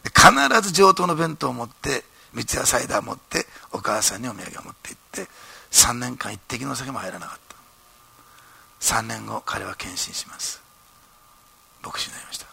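A man preaching a sermon, telling a story in an animated way and tagging his phrases with "ne". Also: mid-range voice, moderate pace, gravelly, husky. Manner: animated storytelling, frequent ね tags. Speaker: pastor.

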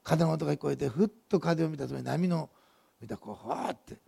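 Male pastor, sermon; gravelly and husky, animated storyteller who talks with his congregation. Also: fairly high pitch, fast. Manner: lively storytelling preacher who asks the congregation questions.

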